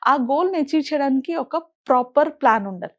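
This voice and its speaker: Woman, financial advisor, earnest, asks pointed questions, high voice, muffled sound. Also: expressive, fast. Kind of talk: explaining investing to camera.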